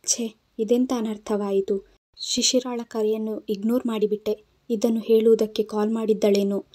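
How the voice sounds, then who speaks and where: A young hero mutters his regret in a hushed, near-whispered voice, as a woman narrator voices him. Soft and mellow in tone. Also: a little high, flat delivery, normal speed, close to an everyday voice. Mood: remorseful. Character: remorseful young man, hero of the romance.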